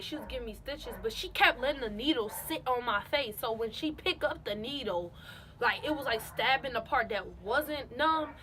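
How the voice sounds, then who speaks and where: A young woman in her late teens telling a casual storytime to her camera, animated and repeating phrases for emphasis. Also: a little high, a little hiss or hum, rough recording. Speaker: vlogger.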